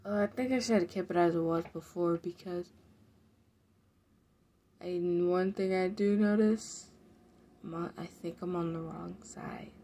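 A woman just out of bed, talking softly through a game, her words mumbled and sometimes dropping to a whisper. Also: fairly low pitch, steady tone, unhurried, pauses often. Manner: soft, mumbled, drifts into whispers. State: just woke up, low energy. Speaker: gaming video creator. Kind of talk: casual gameplay commentary.

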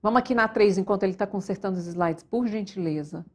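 A Brazilian woman psychologist hosting a live online talk, chatty and animated, often checking in with her viewers. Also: mid-range voice, fast, a little hiss or hum. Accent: Brazilian Portuguese. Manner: chatty, addresses viewers as "gente", frequent "tá?" tags; animated, gives stage directions to the crew mid-talk.

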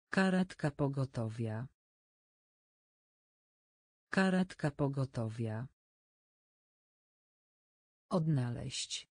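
A synthetic voice reading single vocabulary words in a slow repeated drill. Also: medium pitch, darkish tone, no echo, studio quality. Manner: reads single words slowly, each repeated. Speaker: vocabulary reader.

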